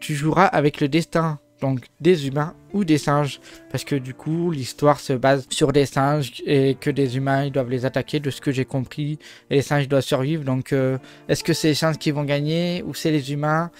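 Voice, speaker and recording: A man's voice: fairly high pitch, steady tone, normal speed, soft background music. A man whose first language is French, casually rambling through game overviews with jokes, many fillers and restarts. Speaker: gaming video host.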